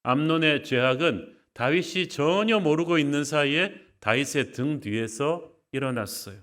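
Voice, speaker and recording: A man's voice: on the high side, moderate pace, a bit bright. A male pastor preaching an earnest, conversational sermon with rhetorical questions to his congregation. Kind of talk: expository sermon.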